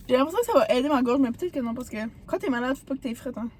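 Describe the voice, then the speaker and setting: A young woman with a Quebec French accent, hoarse from a sore throat, chatting and rambling in a casual vlog with lots of fillers. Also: high-pitched, lively intonation, fast, a little mellow, a little hiss or hum. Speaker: vlogger.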